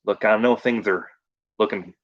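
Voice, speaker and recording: A man's voice: lowish voice, fairly even intonation, moderate pace, natural voice. A man voicing a spaced-out, rambling young man with an offhand drawl, recorded on a dull, lo-fi mic. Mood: laid-back.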